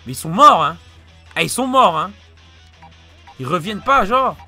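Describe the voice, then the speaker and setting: Young gamer, loud and swearing. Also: male voice, sits high, very animated, moderate pace. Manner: swearing, yelling at the game, mood swings from muttering to shouting. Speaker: let's play gamer. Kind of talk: frantic let's play commentary. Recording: game music behind the voice.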